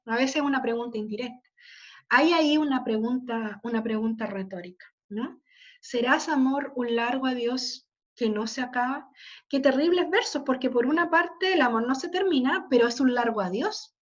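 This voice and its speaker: Woman, literature teacher, bright high voice, slightly muffled lo-fi sound, keeps checking the class follows. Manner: explanatory, peppered with "¿ya?" and "¿cierto?" checks. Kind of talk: online class lecture. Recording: slightly dull lo-fi audio.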